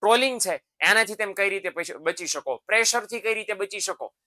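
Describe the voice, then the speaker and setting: A man's voice: high-pitched, fairly quick, bright, forceful tone. A man giving a motivational lesson to students. He talks in a fatherly way, calls them his sons and keeps checking in with tag questions. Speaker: teacher.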